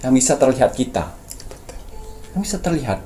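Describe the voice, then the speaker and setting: A man's voice: medium pitch, very animated, brisk, warm tone, a little hiss or hum. A man speaking as a spiritual medium, giving preachy mystical advice and coaching his listeners. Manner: preachy, coaching tone, addresses viewers as "sayang".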